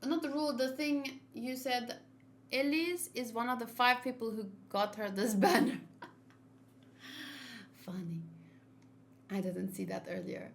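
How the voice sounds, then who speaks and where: A woman livestreams a video game, chatting casually and thinking aloud as she switches between her viewers and the game, with video game music in the background. Her voice is on the high side, unhurried with long pauses, and there's slight background noise.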